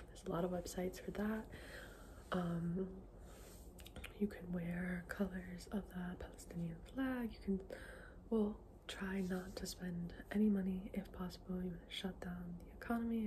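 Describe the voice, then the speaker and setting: A woman speaks in a soft, fully unvoiced ASMR whisper at a medium pitch. Her delivery is informal and halting, like a casual book chat that often trails off. The recording carries clear background noise along with small clicking sounds. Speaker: ASMR book video creator.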